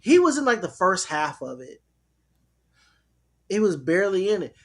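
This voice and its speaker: A man in a casual chat with friends, talking in a relaxed, reflective way and drawing out his phrases. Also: high-pitched, moderate pace.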